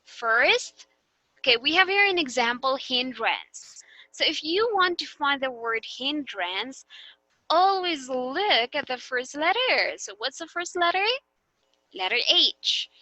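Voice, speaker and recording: In a demonstration lesson, a woman teacher with a Filipino English accent checks on her class as she goes, patiently asking guiding questions sprinkled with "okay" and "right." Her high, crisp, bright voice swings widely in pitch at a slow pace, and the sound is dry and close without echo.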